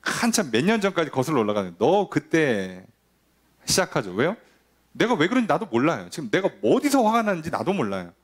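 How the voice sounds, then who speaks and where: A man's voice: on the high side, fast, breathy edge. A male pastor giving a Sunday sermon, asking rhetorical questions and briefly acting out the people he quotes. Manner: lively preaching, acts out quoted voices, rhetorical questions.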